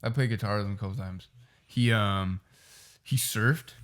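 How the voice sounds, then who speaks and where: A man's voice: lowish voice, moderate pace, a bit bright. Young man, podcast co-host. Loose, slangy delivery with casual swearing. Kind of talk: casual chat.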